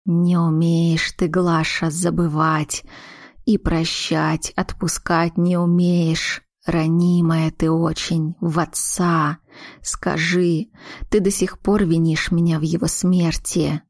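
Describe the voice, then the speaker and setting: A woman voicing an aging, remorseful mother who is a queen, speaking slowly and heavily in an audiobook. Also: fairly low pitch, level tone, darkish tone, no room sound, studio quality. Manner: slow, heavy, measured speech. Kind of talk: audiobook character reading.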